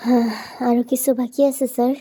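A woman's voice: a little high, level tone, fairly quick, dark tone, breathy edge, faint music behind. A woman doing a stammering, nervous young guy.

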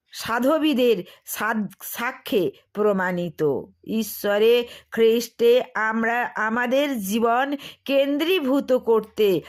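Slow, deliberate woman preaching a sermon. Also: fairly high pitch. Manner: slow, deliberate delivery with drawn-out pauses.

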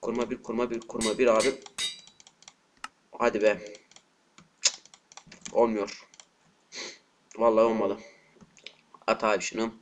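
A man giving frustrated gameplay commentary at his computer, cursing and breaking into shouts, with keyboard clicks behind him. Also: lowish voice, little pitch movement, normal speed, pauses often, a little hiss or hum. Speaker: gaming channel host. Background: keyboard typing and mouse clicks.

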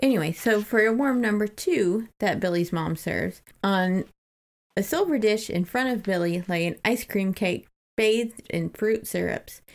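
A woman speaking a little slowly at medium pitch co-hosts a podcast about a book. She gives a casual, giggly retelling with some mild swearing and reads passages out loud.

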